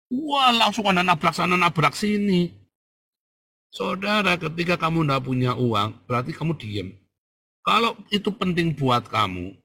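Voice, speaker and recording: A male pastor preaching with a forceful, husky voice. He scolds his listeners bluntly, drops slangy asides, and swings between low murmurs and sudden loud outbursts. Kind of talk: sermon.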